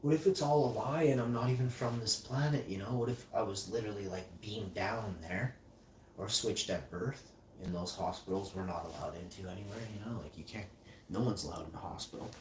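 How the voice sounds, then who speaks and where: A man's voice: fairly low pitch, distant mic. Rambling man reading aloud on a livestream. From Icelandic and German parentage. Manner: rambling, reads aloud haltingly and muses between lines. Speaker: livestream host. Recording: echoey room, mic set back, faint hiss.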